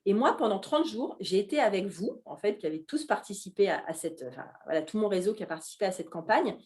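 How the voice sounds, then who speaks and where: Middle-aged woman, Alsace-born chef guest; lively, halting café-talk delivery. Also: medium pitch. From Alsace, France. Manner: animated, hesitant with many fillers. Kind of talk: casual talk at a live café event.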